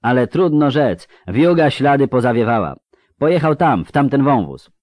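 In a read-aloud story, a man voices a blunt, practical woman archer, lightly acted and pitched above his own natural voice. His mid-range voice swings widely in pitch at a moderate pace and sounds a little mellow. The studio recording is clean, with no room sound.

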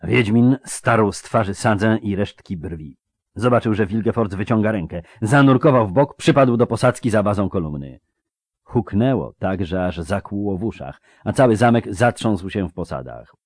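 A man in scripted audiobook narration, telling the story in a measured, dramatic way. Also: sits low, a little mellow, no echo, clean studio sound.

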